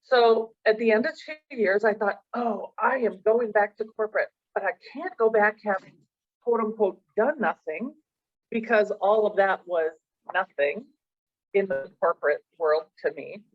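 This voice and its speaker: A woman's voice: mid-range voice, unhurried. Earnest middle-aged woman telling her story. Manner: earnest, personal storytelling with quoted dialogue. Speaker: professional coach, guest. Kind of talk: storytelling in an interview. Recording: dull lo-fi sound.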